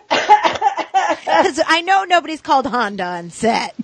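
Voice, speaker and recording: A woman co-hosts a casual podcast chat, swearing freely, reading things aloud and laughing and bantering with her co-host. Her high voice is very animated yet slow, with no room sound.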